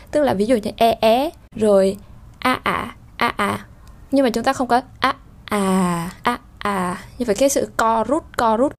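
Higher-voiced woman teaching pronunciation. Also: darkish tone. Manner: explanatory, many fillers, demonstrates vowel sounds. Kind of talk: spoken lesson.

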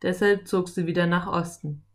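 A woman's voice: lowish voice, steady tone, normal speed, lightly acted. A woman voicing a friendly adult male cowboy, telling a campfire ghost story in an easygoing way. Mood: storytelling. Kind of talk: audiobook character reading.

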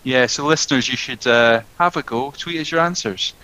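A man co-hosting a podcast, chatting casually with a joking, animated manner. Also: mid-range voice, rough recording. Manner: joking, animated, quick asides. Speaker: podcast co-host. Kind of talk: casual chat.

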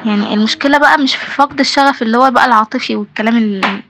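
A woman's voice: on the high side, rapid-fire, noisy background. A woman with an Egyptian Arabic accent giving a casual comic rant in a voice message, mock-exasperated and stammering over words. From Alexandria, Egypt. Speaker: listener leaving a voice message.

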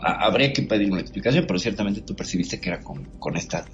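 A man with a very low voice explains things in a measured, lecturing way as host. The sound is dull and lo-fi, with faint music behind him. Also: animated. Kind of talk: explanatory talk show.

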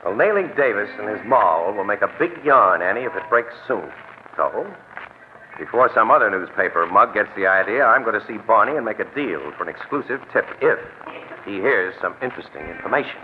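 A man's voice: fairly low pitch, animated, brisk, lightly acted. An American man playing a streetwise, easygoing newspaper photographer with casual slang in 1940s radio drama style. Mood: confiding. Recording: tinny, noisy old radio recording.

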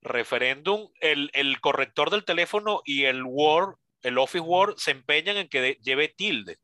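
A Venezuelan man explains a point in casual talk, pausing and correcting himself as he goes. His voice is bright and tense and sits a bit high. The sound is close and dry. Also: lively intonation, no room sound. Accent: Venezuelan Spanish. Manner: thoughtful, explains with restarts and self-corrections. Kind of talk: casual conversation about spelling.

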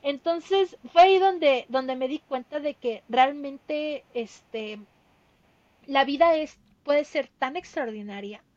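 A woman's voice: sits high, slow, a little mellow, no echo, highs cut off. A Mexican woman in her thirties, a guest telling her travel story in a casual interview, with many fillers and tag questions.

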